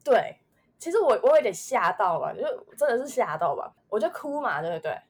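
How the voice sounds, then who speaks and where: A young woman with a Taiwanese Mandarin accent recounts a personal memory on a chatty podcast. She talks in loose, rambling runs full of fillers and trailing asides, in a mid-pitched voice. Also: big pitch swings, fairly quick, husky. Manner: rambling, many fillers, emotional recollection. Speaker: podcast co-host. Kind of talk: casual chat, personal storytelling.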